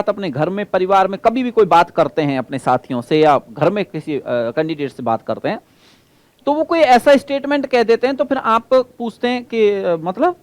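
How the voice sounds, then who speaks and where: A male teacher giving an exam-prep lecture, explaining by repeating points, asking the class questions and drawing key terms out slowly. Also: high-pitched, no room sound.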